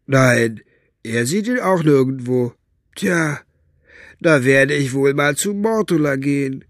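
A man's voice: mid-range voice, lively intonation, slow, no echo, studio quality, voice pushed up. A man voicing a coarse, smug male henchman who mocks and gloats. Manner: gloating, sneering, grunting.

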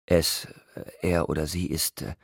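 A man voicing a quiet, intense young man in an audiobook, speaking in a hushed and halting way. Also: extremely low pitch, level tone, vocal fry, husky, dry recording, studio quality, heavily acted. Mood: awed.

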